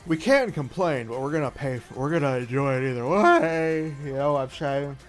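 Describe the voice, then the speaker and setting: A man's voice: on the high side, expressive, moderate pace, faint music behind. A man casually chatting on a gaming stream, rambling and trailing off, sleepy and yawning. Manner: rambling, laid-back, trailing off.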